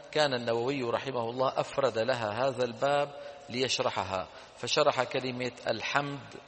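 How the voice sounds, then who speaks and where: A man reading a classical text aloud to a class, slowly dictating corrections and quizzing his students. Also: medium pitch, fairly bright tone, big-room sound. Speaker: teacher.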